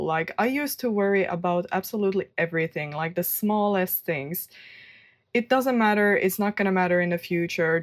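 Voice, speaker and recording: In her home kitchen, a young Swedish woman vlogs casually to the camera in a fairly low voice. Swedish is her first language, her accent shows it, and she often rephrases what she's saying.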